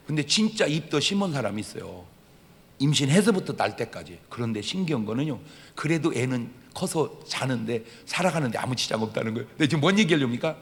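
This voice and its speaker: A middle-aged man with a Chungcheong accent preaching a humorous Sunday sermon, acting out conversations in regional dialects. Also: fairly high pitch. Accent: Chungcheong Korean. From Chungcheong, Korea. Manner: animated storytelling, acting out dialogue and dialects for laughs. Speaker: pastor. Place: church sanctuary. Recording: reverberant church hall.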